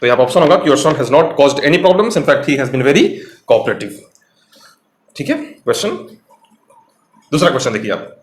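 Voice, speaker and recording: A man's voice: medium pitch, expressive, a little slow, long pauses. A man giving an exam-prep grammar lecture, explaining step by step and quizzing the viewer. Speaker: English teacher. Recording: echoey room.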